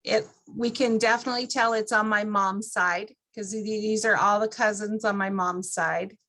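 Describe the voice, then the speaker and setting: In this informal software walkthrough, a woman explains each step conversationally, much as a class presenter would. She speaks at normal speed with an average, slightly bright pitch and fairly even intonation.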